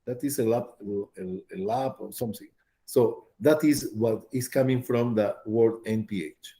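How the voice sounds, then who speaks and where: Mellow-voiced man lecturing a class. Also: medium pitch, moderate pace. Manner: repetitive, checks in with students often. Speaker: pharmacology lecturer.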